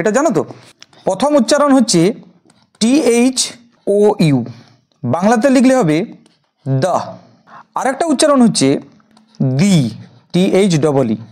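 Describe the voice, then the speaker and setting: A woman's voice: medium pitch, warm tone. A woman teaching an English grammar lesson, asking questions and answering them herself as she drills her learners. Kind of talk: classroom lesson.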